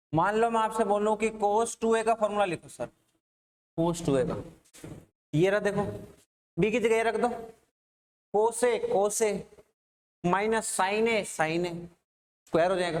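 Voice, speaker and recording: A male maths teacher with a Rajasthani Hindi accent lectures a class in a high voice. He walks through formulas step by step. He keeps asking the students questions and then answering them himself.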